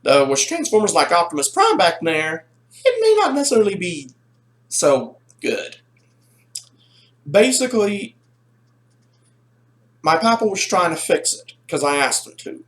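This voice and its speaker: A man telling a rambling, animated story in a casual toy review. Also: high-pitched, unhurried, pauses often.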